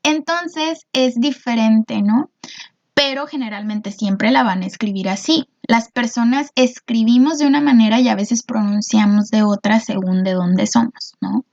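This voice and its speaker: Woman, teacher, patient, fairly high voice, lo-fi dull audio. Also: a little slow, a little mellow. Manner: patient, often checks in with the class. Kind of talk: recorded class explanation.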